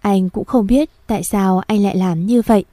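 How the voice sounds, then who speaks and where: A woman reading a first-person story aloud in a steady, gentle storytelling manner. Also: mid-range voice, normal speed, no room sound. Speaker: audiobook narrator.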